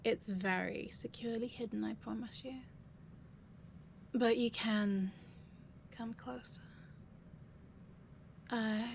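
A woman performs a sultry, commanding female bank robber in an audio drama, delivered as ASMR role-play. Her voice is fairly high and breathy, often breaking into creak, with intimate pillow-talk murmurs. She draws words out very slowly, leaving lingering pauses and sighs. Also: background noise.

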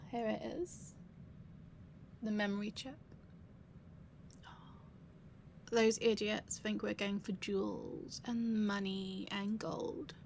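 A woman playing a seductive, commanding bank robber in an intimate ASMR role-play, with breathy, sultry pillow talk and lingering pauses. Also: mid-range voice, a little hiss or hum. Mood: teasing, conspiratorial.

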